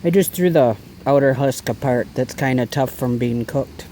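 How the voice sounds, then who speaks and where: A man's voice: medium pitch, normal speed, warm tone, a little hiss or hum, poor audio. A man casually talking through an outdoor cooking vlog, chatty and easygoing while he eats and cooks by a fire. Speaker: bushcraft vlogger.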